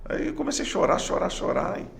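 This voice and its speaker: A middle-aged man with a Brazilian Portuguese accent, a podcast guest telling a personal story in a halting way, often repeating words and restarting phrases. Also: high voice, sing-song, gravelly, a little hiss or hum. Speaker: podcast guest, police sergeant. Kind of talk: personal testimony in casual conversation.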